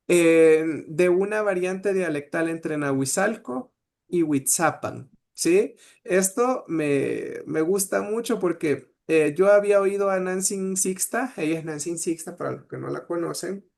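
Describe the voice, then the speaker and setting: A man with a Salvadoran Spanish accent giving an online language class, pausing often with "eh" and checking in with "¿sí?". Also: high-pitched, vocal fry, darkish tone. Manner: hesitant, many "eh" fillers and "¿sí?" checks. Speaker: Nahuat language teacher.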